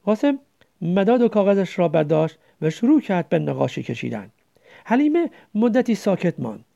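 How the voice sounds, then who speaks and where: A woman narrating a story in a measured way, slowing down for emphasis. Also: mid-range voice, sing-song, gravelly, dark tone. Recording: dull lo-fi recording.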